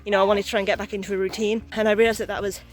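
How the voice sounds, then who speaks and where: A woman's voice: medium pitch, little pitch movement, racing. A young adult woman chatting candidly and in a rambling way for a casual vlog while out walking outdoors. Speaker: vlogger, new mother. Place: outdoors on a walk.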